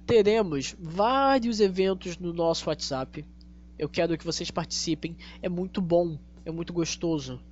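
A Brazilian man hosting a casual monologue to his listeners, speaking with a tongue-tied, slushy s and deliberate, repetitive phrasing. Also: high-pitched. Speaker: podcast host. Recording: dull lo-fi audio, faint hum.

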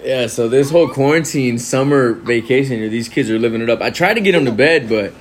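A man's voice: medium pitch, over a noisy crowd. A man chatting casually at home with his kids, playful and teasing, often cutting in. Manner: playful, teasing, quick to interrupt. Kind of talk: casual family chat. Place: at home indoors.

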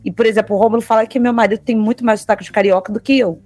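A woman chatting casually with friends, teasing and lively. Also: fairly high pitch, racing. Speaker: podcast participant. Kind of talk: casual group chat.

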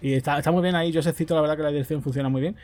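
A man's voice: a little high, fairly even intonation, very fast, darkish tone. A man co-hosting a podcast, talking about a film with enthusiasm and ending phrases with tag questions. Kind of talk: casual film discussion.

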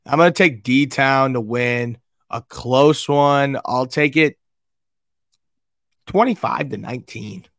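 A man with a hoarse, worn voice co-hosts a sports podcast. He is brash and swears freely, in a middle pitch. The mic sounds dry and close. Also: slow, a bit bright, no echo. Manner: brash, swears, trash-talks teams. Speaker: podcast co-host. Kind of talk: casual sports chat.

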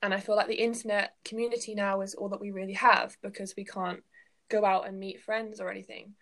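A woman talks earnestly as a podcast co-host, thoughtful and soft-spoken. She muses with ums and likes, in an even, mid-pitched voice. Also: a little fast. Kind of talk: casual chat.

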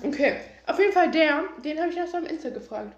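A young woman co-hosting a casual chat, reacting in a lively, teasing way. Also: high-pitched, fast talker, echoey room, dull audio. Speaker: podcast co-host.

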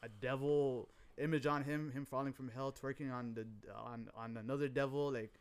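A man's voice: mid-range voice, steady tone, normal speed, clear, resonant tone. A man co-hosting a podcast, bantering casually in slang, emphatic and repeating himself. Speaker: podcast co-host.

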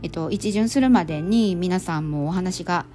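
A middle-aged woman with a Kansai accent chatting casually through a monologue recap, with plenty of fillers and relaxed phrasing. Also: fairly low pitch, moderate pace. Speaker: storytelling volunteer and podcast host.

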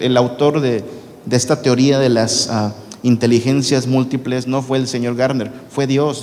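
A man's voice: medium pitch, a little mellow, slight background noise. A man preaching a sermon to a congregation in a conversational way, asking them questions as he talks. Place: large church hall. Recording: long reverb from a large hall.

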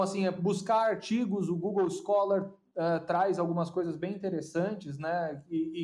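Male podcast guest, high voice, casual, halting and repetitive delivery. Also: mellow. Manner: hesitant, repeats words while searching for them.

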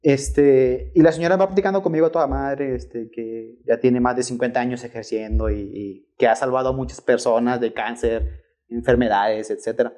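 A young man telling a story on a podcast, slangy and animated, dropping "güey" constantly. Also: medium pitch, moderate pace. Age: young adult. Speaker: rideshare driver guest.

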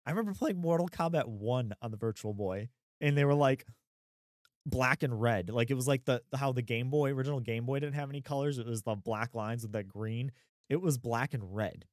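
A man's voice: mid-range voice, brisk, no echo. Casting: man, 30s, laid-back podcast co-host, rambly and chatty, close dry mic. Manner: rambling, lots of fillers and laughs. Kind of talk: casual chat.

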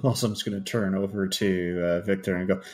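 A man's voice: sits low, fairly even intonation, quick pace, a little mellow, faint music behind. A man playing a tabletop game, playfully narrating what his character does. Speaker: player. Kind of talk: casual tabletop play.

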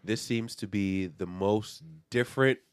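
A young man co-hosting a podcast, recapping a comic in casual chat, animated and swearing, acting out the characters as he goes. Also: on the low side, measured pace, clean tone, no room sound. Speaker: podcast co-host.

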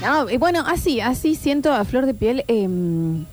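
A woman with an Argentine accent chats on the radio, her voice sitting fairly high. She tells her stories playfully and at length. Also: very animated, unhurried, darkish tone, soft background music. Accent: Argentine Spanish. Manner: chatty, playful storyteller. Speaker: radio co-host. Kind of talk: casual radio chat.

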